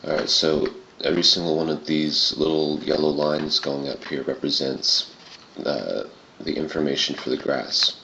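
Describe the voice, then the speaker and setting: Very deep, gravelly man in casual tutorial. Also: steady tone, moderate pace, hardly any pauses, bright, forceful tone. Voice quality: gravelly, throaty. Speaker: tutorial presenter. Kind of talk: casual software tutorial narration. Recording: muffled, roomy home recording with clear noise.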